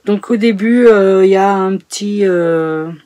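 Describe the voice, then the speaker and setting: Speaking in an unhurried, mellow mid-range voice, a woman who runs a sewing YouTube channel compares two sewing books from her sewing room at home. The vlog is casual, and her talk is chatty, full of fillers and hesitation.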